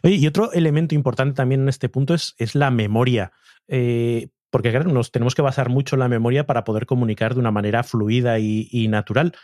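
Brief: mid-pitched male interviewer, conversational questions, dry close sound. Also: steady tone, brisk, a little mellow, no room sound. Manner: conversational, asks follow-up questions.

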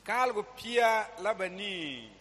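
A man's voice: sits high, lively intonation, slow, fairly bright tone. A man interpreting a sermon line by line, echoing each sentence in a rhythmic delivery. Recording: large hall with long reverb.

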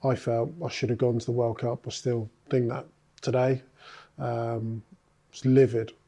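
Man, former rugby player, interview guest, warm mellow voice, thoughtful, hesitant fillers. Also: medium pitch, little pitch movement, measured pace. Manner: thoughtful, many filler sounds. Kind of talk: casual interview recollection.

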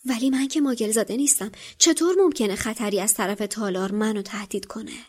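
A woman's voice: a little high, slightly rough. A woman voicing an earnest, stubborn boy wizard who questions urgently, close to her own voice. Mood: insistent. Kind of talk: audiobook character voice.

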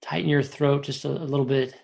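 A man with a gravelly, creaky voice leads a guided relaxation meditation. He gives soothing instructions slowly, leaving long pauses between short phrases. His pitch sits in an ordinary male range, with fry in the tone. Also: level tone, darkish tone.

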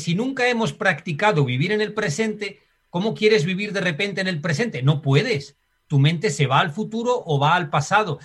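A man with a Spanish accent speaks in a high-pitched, slightly bright voice with a breathy edge. He's a guest in a conversational interview, talking reflectively and often ending sentences with a questioning "right?" or the filler tag "¿no?".

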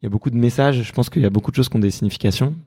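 A man's voice: medium pitch, very fast, mellow, breathy edge. A man hosting a podcast interview in a guest's living room, who asks circling, hesitant questions. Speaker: podcast host.

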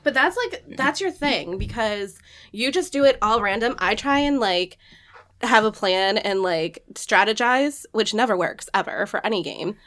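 A woman's voice: medium pitch, expressive, a little slow, a bit bright. A woman in her thirties with an American accent and a natural Valley Girl way of talking, chatting casually as a podcast co-host. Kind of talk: casual chat.

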